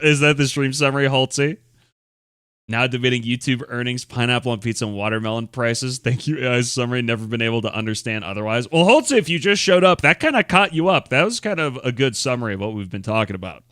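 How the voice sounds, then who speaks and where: A man's voice: mid-range voice, fairly quick, a bit bright, clear, resonant tone, no room sound, studio quality. Rambling young man streaming casually. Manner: rambling, filler-heavy, wry and blunt. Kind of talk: casual live-stream reaction commentary.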